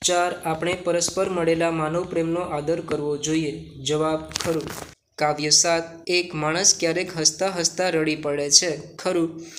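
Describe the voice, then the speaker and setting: A man reading out school assignment answers for students, question by question, in steady dictation. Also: a little high, measured pace, a little hiss or hum. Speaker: teacher.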